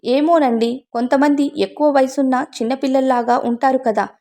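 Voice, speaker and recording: A woman's voice: sits high, steady tone, moderate pace, warm tone. A woman doing a harsh scolding employer. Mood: curt. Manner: curt and scolding.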